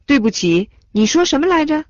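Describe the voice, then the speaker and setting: A woman reading phrase translations aloud in a language lesson, in a measured, clearly enunciated way. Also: high-pitched, sing-song, dry recording. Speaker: phrase reader. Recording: dull lo-fi dry sound.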